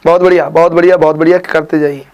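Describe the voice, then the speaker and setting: A man with a high-pitched voice leads a live online exam quiz. He spells words out slowly and deliberately, then moves on with quick praise and teasing. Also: little pitch movement, a little mellow, smooth, muffled recording. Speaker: Hindi exam teacher.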